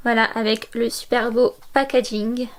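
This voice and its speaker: A woman's voice: on the high side, little pitch movement, normal speed. A woman in her twenties giving a chatty makeup tutorial, full of fillers and gushing about products. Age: 20s. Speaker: beauty vlogger.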